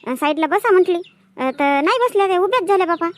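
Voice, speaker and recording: A woman playing a sharp-tongued village woman who quarrels and talks back fast in a comedy sketch. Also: extremely high pitch, animated, no echo. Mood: quarrelling. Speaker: sketch actress.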